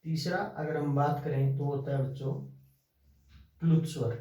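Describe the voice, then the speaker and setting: Slow, echoey Hindi teacher man. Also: fairly high pitch, fairly even intonation, warm tone. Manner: asks questions and answers them himself; drawn-out, repetitive teaching. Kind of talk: classroom lesson. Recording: very echoey room, from far off.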